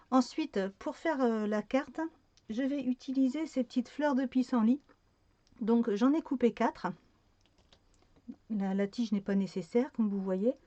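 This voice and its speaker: A woman's voice: on the high side, warm tone, no echo, lo-fi sound. A woman talking through a card-making tutorial in a casual, hesitant way, with many fillers and self-corrections.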